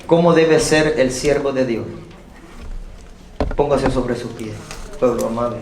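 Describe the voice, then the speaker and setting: A man's voice: mid-range voice, a little slow, background noise. Man preaching in an echoey church. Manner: preachy, peppered with rhetorical questions to the congregation. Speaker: pastor. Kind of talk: sermon. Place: church sanctuary. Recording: echoey church room from far off.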